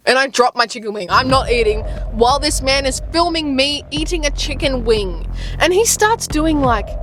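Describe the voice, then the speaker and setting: A young woman travel vlogger telling stories in an animated, dramatic way, exaggerating for laughs. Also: fairly high pitch. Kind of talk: casual storytime vlog. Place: tropical villa, indoors and out.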